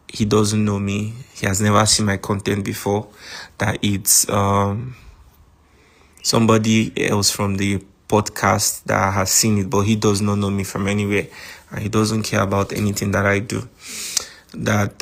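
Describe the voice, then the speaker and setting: A man with a Nigerian accent recording a voice message to a friend, calmly recounting a grievance. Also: on the low side, creaky. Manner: calm, measured account of a grievance. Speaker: podcast host.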